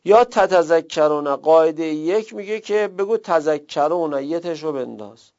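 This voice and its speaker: A man with a rough, gravelly voice teaches a grammar lesson. He explains step by step and repeats each word form as he drills it. The recording sounds dull and lo-fi. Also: on the high side, a little mellow. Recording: muffled lo-fi recording.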